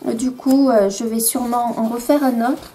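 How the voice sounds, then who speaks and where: Une femme à l'accent français présente ses livres de coloriage chez elle, sur un ton détendu, avec beaucoup d'hésitations et des « euh » fréquents. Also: female voice, a little high, fairly even intonation, moderate pace, dark tone, a little hiss or hum. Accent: French. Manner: hesitant, many fillers, self-deprecating. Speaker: vlogger showing her coloring books. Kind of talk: casual show-and-tell.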